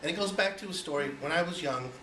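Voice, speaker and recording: A man's voice: fairly high pitch, fast, sharp tone. Cuban-born man speaking in an echoey room. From Cuba. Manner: conversational, many you-knows, rhetorical questions. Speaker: speaker giving an icebreaker speech. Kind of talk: personal speech to an audience. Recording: echoey room, voice from far off, noisy.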